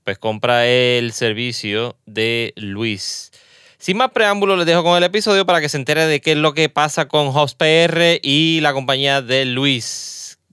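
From a small studio, a Puerto Rican podcast host speaking Puerto Rican Spanish chats casually in an interview, laughing often and trailing off into asides. His medium-pitched voice is steady, sharp and clean, a little slow, in a dry recording.

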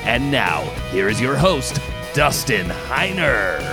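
Male announcer over loud guitar. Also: medium pitch, big pitch swings, slow pace, vocal fry. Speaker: show announcer. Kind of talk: scripted show intro. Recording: loud guitar music under the voice. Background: loud guitar music.

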